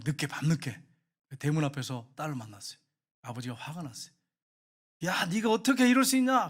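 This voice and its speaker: Man preaching, middle-aged, fairly high-pitched voice, storytelling with sudden loud and hushed turns. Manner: storytelling, acts out quoted lines with sharp rises and hushed drops. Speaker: pastor. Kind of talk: sermon.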